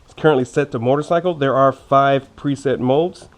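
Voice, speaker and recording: Medium pitch and a moderate pace mark this man's voice, which is slightly impeded by his braces. As a motorcycle vlogger reviewing gear, he keeps the unboxing casual, chatty and jokey, with informal self-teasing asides, against clear background noise with clicks.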